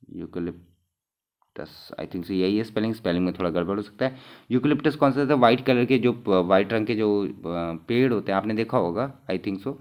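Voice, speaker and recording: A male exam-prep teacher, pitched in the middle range. He talks through the questions in a conversational way, asking the class questions and answering them himself, and repeats each key term so it sticks. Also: a little mellow.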